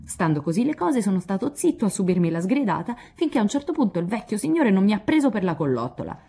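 Indignant proud youth, read by a woman; husky, warm tone. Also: mid-range voice, big pitch swings, quick pace, voice pushed up, heavily acted. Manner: indignant, blustering. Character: hot-tempered proud young man.

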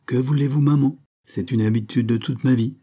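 A man voicing a gentle but resolute young country girl in an audiobook, speaking softly and pleading, then firmly. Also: medium pitch, fairly even intonation, a little fast, pitched above the performer's own voice, lightly acted. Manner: soft, pleading, then firm. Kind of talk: audiobook character reading.

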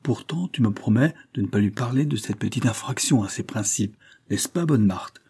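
A man reading aloud and voicing a lively, coaxing seventeen-year-old noblewoman in a raised, light tone. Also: fairly low pitch, moderate pace, slightly rough, full character voice.

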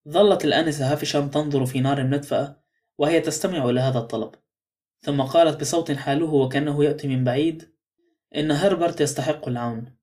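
A man narrates a novel in the first person as an audiobook, with steady storytelling. He reads at a brisk clip, and his voice sits a little high for a man.

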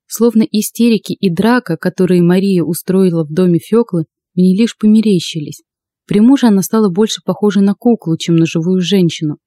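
A woman narrating first-person fiction for an audiobook in a calm, even storytelling voice. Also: fairly low pitch, no room sound.

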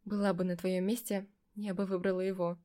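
A woman's voice: mid-range voice, little pitch movement, a little fast, warm tone, lightly acted. A woman reading an audiobook and voicing a sly, playful, powerful witch who talks in a coaxing, teasing way. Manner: coaxing and teasing, mock-surprised.

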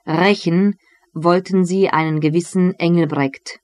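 A reader voicing a greedy, gloating medieval nobleman in a slow literary reading. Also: mid-range voice, steady tone, darkish tone, dry recording, natural voice.

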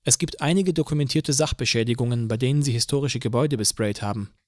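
A man doing a smug, calm police officer. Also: medium pitch, no room sound, clean studio sound, close to an everyday voice. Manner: measured, calmly lecturing.

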